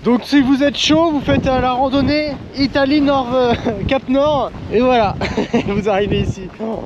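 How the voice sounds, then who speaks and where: A young man filming himself at arm's length on a windswept snowy cape, excitedly talking to his viewers about the place. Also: extremely high pitch, measured pace, dull audio. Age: young adult. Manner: excitable, shouting over the wind, talks to viewers as "les gars". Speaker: travel vlogger. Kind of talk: excited travel vlog to camera. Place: windswept snowy cape outdoors, then inside a van at night. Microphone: handheld camera at arm's length. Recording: loud wind noise on the mic. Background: strong wind.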